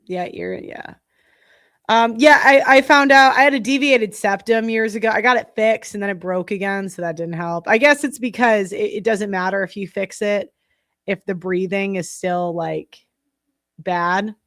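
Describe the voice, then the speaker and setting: A young woman hosting a podcast talks bluntly and casually to her viewers, rambling with many fillers. Her medium-pitched voice is nasal and a bit bright, and she breathes heavily while speaking at a moderate pace.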